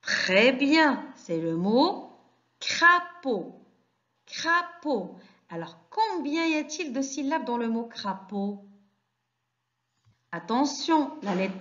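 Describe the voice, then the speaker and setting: A French teacher gives a classroom lesson to very young children, speaking in a mid-range voice at an unhurried, deliberate pace. She stretches out every word, pauses for answers, and offers questions and quick praise with a patient manner. The recording sounds dull and slightly lo-fi.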